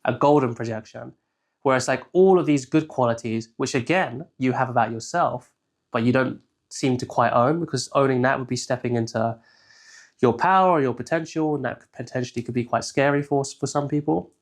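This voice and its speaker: A young man from England talks through ideas as a coach in a relaxed, unscripted solo talk. His voice sits at an ordinary middle pitch, and he keeps checking in with his listener after almost every point. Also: fairly quick. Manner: conversational, keeps checking in with "right?". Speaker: life coach. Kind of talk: casual solo teaching talk.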